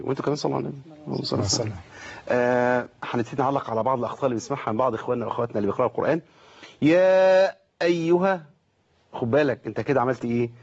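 Husky Egyptian man teaching Quran recitation. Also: medium pitch, steady tone, highs cut off. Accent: Egyptian Arabic. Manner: corrective, demonstrates letters slowly and repeats them. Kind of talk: online tajweed lesson.

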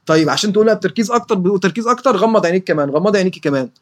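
Brisk, emphatic Egyptian woman teaching children. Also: mid-range voice. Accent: Egyptian Arabic. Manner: emphatic and repetitive, slows down to recite verses. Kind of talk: religious lesson for children.

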